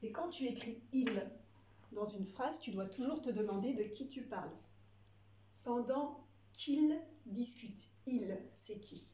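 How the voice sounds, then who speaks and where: A woman teacher dictating to a child word by word, spelling out words, pausing and explaining as she goes. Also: medium pitch, dark tone, slight background noise. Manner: instructive, addressing one pupil directly. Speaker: primary school teacher. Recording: echoey room, slightly muffled sound.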